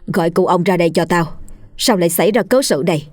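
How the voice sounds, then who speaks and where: A woman's voice: lowish voice, fast talker, no room sound, studio quality, natural voice. A woman voicing an imperious old lady of a wealthy village household who scolds her servants harshly, in a storybook reading. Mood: scolding.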